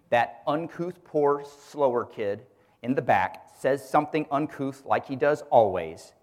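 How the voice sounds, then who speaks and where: A man who is a teacher gives a religious teaching talk to a group, asking rhetorical questions and calling on listeners by name. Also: medium pitch. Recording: long hall reverb.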